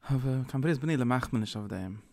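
A man's voice: mid-range voice, expressive, brisk, vocal fry, a little mellow, no echo. A man giving an informal, rambling sermon, mixing in English words. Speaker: preacher. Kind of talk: informal Yiddish-tinged sermon.

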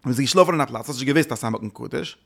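A man's voice: mid-range voice, rapid-fire, vocal fry, a bit bright. A man giving a Torah lesson in a rambling, explaining way, mixing in English words. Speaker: religious teacher. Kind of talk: Torah lesson, teaching a class.

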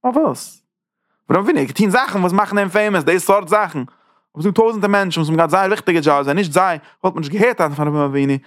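A man giving an informal religious lesson, talking haltingly, restarting phrases as he searches for words and rising emphatically on key points. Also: high-pitched, dry recording, studio quality. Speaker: religious teacher. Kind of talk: informal spoken Torah lesson.

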